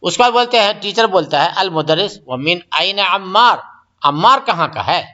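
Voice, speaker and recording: A man teaching an Arabic lesson, explaining each phrase and then repeating and translating it slowly. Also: high voice, animated, bright, forceful tone. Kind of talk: classroom-style language lesson. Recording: dull lo-fi recording.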